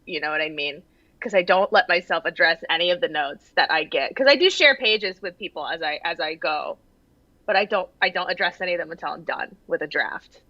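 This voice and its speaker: A young woman chatting casually as an interview guest, halting and self-deprecating, talking over a video call. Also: lowish voice, dry recording. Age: young adult. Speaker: guest playwright. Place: small room at home, indoors. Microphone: computer mic on a video call. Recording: slightly dull video-call audio.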